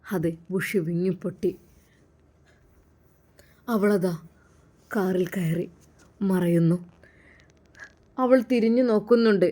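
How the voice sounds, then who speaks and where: A woman tells an emotional story. Her storytelling is dramatic and emotive, and her pitch sits in a mid range. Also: slow pace, pauses often, warm tone.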